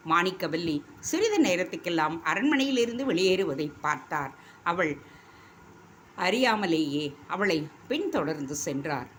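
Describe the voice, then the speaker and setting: A woman narrating a story in an expressive, dramatic storytelling manner. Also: on the low side, a little hiss or hum.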